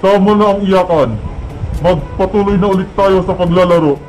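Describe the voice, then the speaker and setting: A man's voice: high voice, moderate pace, close to an everyday voice. A man voicing a stern soldier who announces the game rules and chases the players. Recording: music playing behind.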